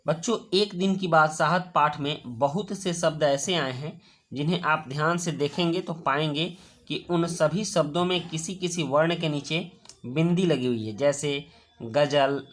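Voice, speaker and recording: A man teaching a children's worksheet lesson, explaining patiently step by step and repeating words slowly. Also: a little high, fairly bright tone.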